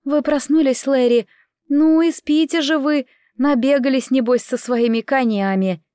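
Casting: a woman doing a chatty, fussing chambermaid in an audiobook, high bright voice, folksy exclamations, dry close sound. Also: measured pace, clear, resonant tone, dry recording. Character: bustling kind-hearted female chambermaid, chatty and fussy.

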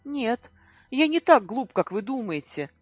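A reader voicing a furious young boy who defies his mother, with a shouting, indignant voice that breaks. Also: medium pitch, sing-song, unhurried, no echo, lo-fi sound, faint music behind, pitched above the performer's own voice.

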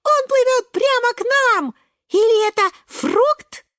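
A woman voicing an excitable, impatient little boy spinach sprout who talks eagerly and breathlessly. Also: moderate pace, dry recording, clean studio sound, exaggerated voice. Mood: excited. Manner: breathless, eager, very high and bouncy.

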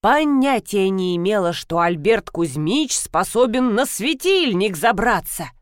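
A woman reading an audiobook, voicing an excitable, bossy older mother-in-law who gives commands. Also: unhurried, no room sound, studio quality. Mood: embarrassed. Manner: commanding, shrill when alarmed.

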